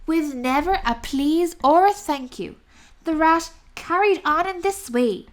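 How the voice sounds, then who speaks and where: A woman narrating a children's story aloud with expressive, deliberate delivery. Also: high voice.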